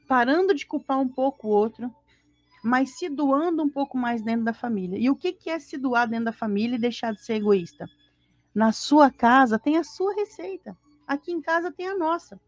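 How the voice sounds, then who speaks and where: A woman's voice: fairly high pitch, a little mellow, dry recording. A Brazilian woman co-hosting a spiritist gospel study from home, teaching in a conversational way, asking the listeners rhetorical questions and acting out little everyday scenes. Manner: acts out everyday voices and sighs of dismay. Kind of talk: informal spiritual teaching talk on a live stream.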